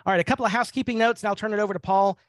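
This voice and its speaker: A man's voice: high-pitched, steady tone, racing, dry recording. A man hosting a live training webinar on a video call, upbeat and conversational, with frequent fillers.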